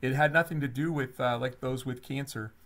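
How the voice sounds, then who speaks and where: Male webinar co-host, mid-pitched, chatty and animated, runs polls and slides. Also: fairly quick. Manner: animated, conversational with fillers. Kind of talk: webinar presentation.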